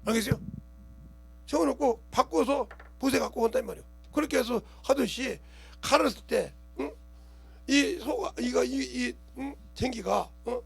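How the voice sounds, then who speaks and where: A male pastor preaching a sermon in a colloquial, animated way, acting out scenes and keeping on asking the congregation whether they understand. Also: extremely high pitch, moderate pace, vocal fry, breathy edge. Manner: animated, acts out scenes with gestures and quoted voices.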